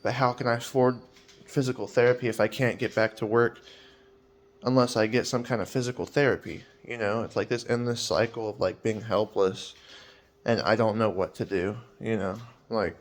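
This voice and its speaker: Weary, rambling young man, lowish voice. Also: steady tone, moderate pace. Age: 20s. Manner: hesitant, rambling, many fillers and trailing off; weary, anxious. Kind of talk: personal vlog monologue.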